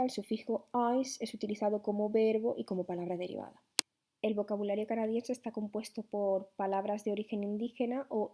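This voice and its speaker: Young spanish woman, student teacher, mellow voice, careful slow reading, filler "eh"s. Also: mid-range voice. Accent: Spanish (Spain). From Spain. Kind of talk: read classroom presentation.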